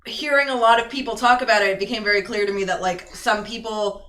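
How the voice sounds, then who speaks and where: A woman's voice: medium pitch, fairly even intonation, quick pace, a bit bright, echoey room, low-quality recording. A woman co-hosting a casual chat show, talking in a rambling way full of "like". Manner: chatty, peppered with "like". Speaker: co-host.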